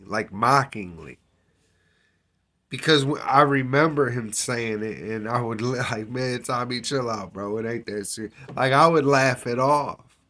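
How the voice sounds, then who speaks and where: A man telling a story in a casual, slangy, unhurried way, with lots of fillers and swearing. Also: mid-range voice, a bit bright. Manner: street slang, frequent fillers and profanity, unhurried. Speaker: storyteller recounting his time in prison.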